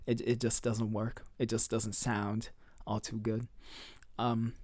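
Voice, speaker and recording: A man's voice: on the low side, level tone, takes it slowly, a little mellow, no room sound, clean studio sound. A young man giving casual, slangy commentary as he ranks tracks, with lots of fillers and trailing sentences. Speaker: music reviewer.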